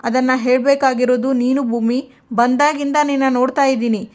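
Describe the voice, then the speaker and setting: A woman's voice: high voice, steady tone, moderate pace, darkish tone, natural voice. A woman voicing a caring older-sister figure who coaxes and insists on the truth. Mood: coaxing. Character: caring older-sister friend, probing and protective.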